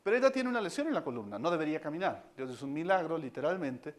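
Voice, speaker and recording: High-voiced man telling a devotional story. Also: fast. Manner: animated storyteller, chuckles through his lines. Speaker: devotional speaker.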